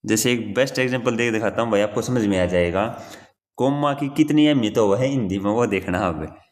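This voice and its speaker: A man's voice: fairly low pitch, fairly quick. A young man teaching an exam-prep grammar lesson in a casual, repetitive way, often repeating key phrases and calling the listener brother.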